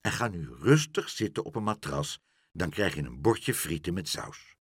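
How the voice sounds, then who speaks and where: A man voicing a kindly father of a big family, gentle and reassuring, in a children's storybook reading. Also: sits low, big pitch swings, normal speed, slightly rough, no room sound, clean studio sound, pitched below the performer's own voice, full character voice.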